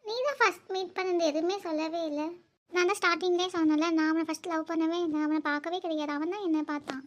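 Woman doing a very high, quick cartoon girl. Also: fairly even intonation. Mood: wistful. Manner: emotional, pleading. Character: young woman student in love, earnest. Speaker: narrator and lead character. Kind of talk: cartoon voice acting.

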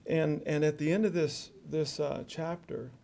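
A man's voice: a little high, fairly even intonation, measured pace, gravelly, mellow. A middle-aged man giving a joking, self-deprecating speech at an award reception, often repeating his words. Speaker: award speaker. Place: reception hall with audience.

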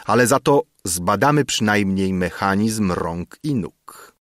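A man voicing a cruel, sinister old male alchemist with a hoarse, hollow, thundering voice and a gloating, snarling manner. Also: on the low side, lively intonation, takes it slowly, no echo, clean studio sound.

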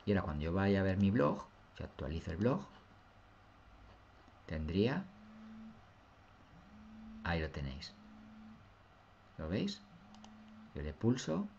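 Guy w/ deep voice doing a screen tutorial, kinda muffled mic, faint typing behind. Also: big pitch swings, normal speed, gravelly, long pauses, a little mellow, a little hiss or hum. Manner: patient, step-by-step, often asks "¿lo veis?". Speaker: teacher. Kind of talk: screen-recorded software tutorial.

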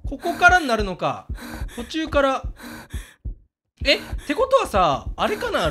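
A man commentating a horror game, excitable, talking to himself, often shouting and laughing. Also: sits high.

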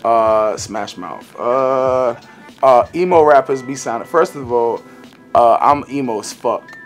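Faint music plays behind a young rapper guest being interviewed in a green-screen studio. He's casual and laid-back, swearing freely and filling gaps with "uh" and "you know", speaking slowly in a medium-pitched voice.

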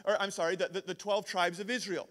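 A man's voice: high voice, little pitch movement, fast, fairly bright tone. A man giving a casual youth sermon, often repeating words as he builds his points. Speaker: camp speaker. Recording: long hall reverb.

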